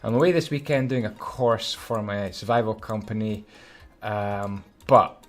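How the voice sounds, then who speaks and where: A man's voice: on the low side, fairly even intonation, a little slow, faint music behind. A Scottish man chatting casually while building a game level, humming and muttering to himself as he concentrates. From Scotland. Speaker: Minecraft YouTuber.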